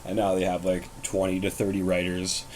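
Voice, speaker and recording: A man's voice: low-pitched, monotone, fairly quick, darkish tone, a little hiss or hum, low-quality recording. A young man hosting his own show, talking casually and bluntly about wrestling, rambling with fillers and swearing. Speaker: host. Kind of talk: casual wrestling commentary vlog.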